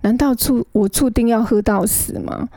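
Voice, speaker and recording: Middle-aged woman, gravelly voice, dry close sound, tells her story earnestly and keeps stumbling over her words. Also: on the high side, moderate pace, mellow, no room sound. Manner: earnest, searching, with stammered restarts. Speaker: guest recounting her past. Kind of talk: emotional personal storytelling.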